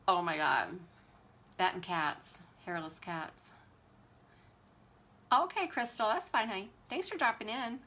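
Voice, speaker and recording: A woman's voice: medium pitch, expressive, slow, long pauses, pushed and bright. A woman, chatting animatedly and with exasperated sass while hosting a beauty livestream. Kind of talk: casual livestream chat while doing makeup.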